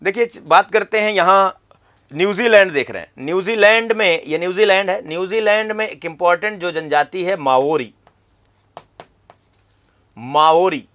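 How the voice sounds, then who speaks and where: A man's voice: high voice, normal speed, fairly bright tone. A man teaching an exam-prep geography lesson, repeating key terms and quizzing the viewer with questions.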